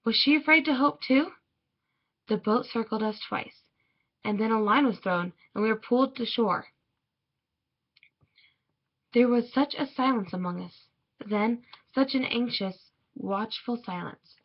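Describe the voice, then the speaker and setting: A woman reads a children's picture book aloud in a measured, expressive way. Her voice is husky with gravelly fry. The recording sounds dull and lo-fi. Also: on the high side. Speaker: storybook reader.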